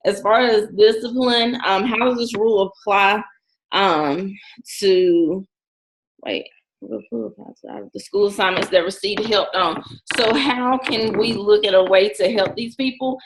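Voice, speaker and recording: A woman's voice: mid-range voice, takes it slowly, rough recording. Methodical woman student making points. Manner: methodical, point by point, with frequent ums. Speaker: student in an education course. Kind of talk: class discussion of a case study.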